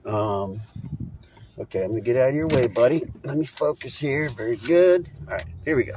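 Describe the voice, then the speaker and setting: Middle-aged man, casual driving vlogger, rambling storyteller at a mid pitch, faint car noise behind. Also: expressive, a little fast. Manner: rambling, chatty, laughs at his own story. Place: inside a moving vehicle.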